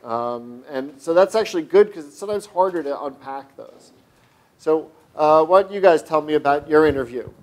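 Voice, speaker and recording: Guy teaching a workshop, kinda high voice, brisk, keeps asking the class stuff. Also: animated, a little mellow. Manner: brisk, prompting, conversational. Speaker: workshop instructor. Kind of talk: leading a classroom exercise.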